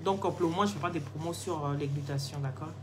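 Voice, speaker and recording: A woman's voice: low-pitched, quick pace, background noise. Chatty woman on a live stream. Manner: chatty, laughs often, teasing. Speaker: live-stream host selling skin products. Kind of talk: casual live-stream chat answering viewer comments.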